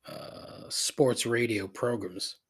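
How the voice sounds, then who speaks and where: Here a podcast host speaks slowly in a medium-pitched, slightly rough voice with fairly even intonation, sounding congested and a bit nasal. Alone on a cheap desk microphone in a cavernous, echoey room, he rambles self-deprecatingly with lots of fillers and restarts.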